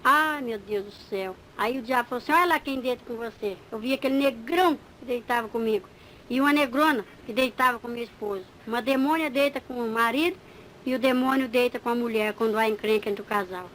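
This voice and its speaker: High-voiced woman giving testimony. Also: a little fast, slight background noise, poor audio. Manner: animated storytelling, acting out dialogue. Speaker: church member giving testimony. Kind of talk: spoken religious testimony.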